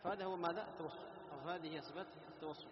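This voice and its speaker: High-voiced man teaching Quran recitation. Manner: explains then chants verses slowly, quizzing students. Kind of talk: tajweed lesson with recited examples. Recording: echoey hall, muffled, noisy.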